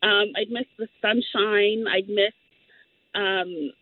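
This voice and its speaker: A woman's voice: medium pitch, fairly even intonation, slow, no room sound. A woman in her late twenties from Los Angeles, calling in to a radio show, talking in an eager, chatty way with lots of fillers. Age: late 20s. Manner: enthusiastic and talkative, with fillers. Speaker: caller. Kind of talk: call-in conversation. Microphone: phone line. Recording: tinny phone line.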